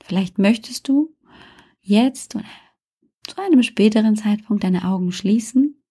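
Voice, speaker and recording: Female sleep-story style meditation guide: soft, dark-warm, near-whispered, calm, unhurried delivery with long pauses. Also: mid-range voice, husky. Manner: calm, soothing, gentle suggestions with long pauses. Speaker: guided relaxation instructor.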